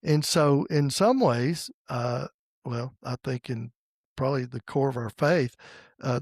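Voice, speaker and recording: Slow-talking man in his sixties, halting. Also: medium pitch, a little mellow, no room sound, studio quality. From United States. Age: 60s. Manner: halting, with many fillers and restarts. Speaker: podcast host. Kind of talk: casual faith conversation.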